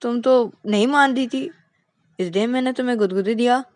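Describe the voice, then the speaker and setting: A woman's voice: fairly high pitch, normal speed, no room sound, voice pushed up, close to an everyday voice. A woman voicing a young woman who begs for forgiveness and then playfully teases her partner in a spoken love story. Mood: teasing. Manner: pleading, teasing.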